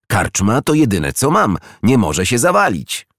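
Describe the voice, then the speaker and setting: A man's voice: mid-range voice, wildly swooping pitch, measured pace, fairly bright tone, no room sound, clean studio sound, voice pushed up, full character voice. A man voicing a frog baroness, a distressed and weary woman, in a raised pleading tone.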